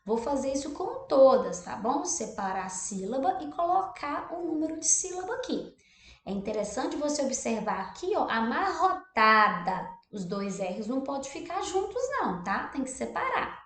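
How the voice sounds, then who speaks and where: A Brazilian woman with a fairly high, very lively voice walks young children through a textbook exercise. She stretches out syllables and keeps checking that they follow. The recording has a noticeably echoey room sound. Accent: Brazilian Portuguese. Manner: lively, drawn-out stressed syllables, frequent "tá bom?" checks. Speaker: primary school teacher.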